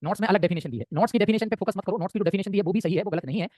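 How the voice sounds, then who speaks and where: Indian male tutor, high and very fast, dry close sound, quizzes the class nonstop. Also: a little mellow, no room sound. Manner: rapid, keeps asking "samjhe?" and answering himself. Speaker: teacher. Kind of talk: exam-prep lecture.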